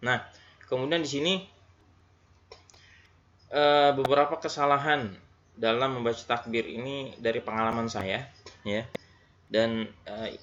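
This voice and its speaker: A man from Indonesia giving a religious lesson, who tags his phrases with a frequent "ya" and slowly demonstrates Arabic pronunciations. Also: on the low side, a bit bright. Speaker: Islamic teacher. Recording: dull recording with faint background noise.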